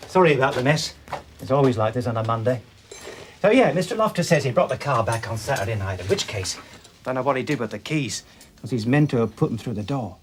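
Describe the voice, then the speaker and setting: An actor plays a chatty car hire owner in a British TV police drama, easygoing and a little cheeky. His pitch sits in the middle, and a clear hiss lies under the old broadcast track. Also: lively intonation, quick pace, natural voice. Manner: rambling, easygoing.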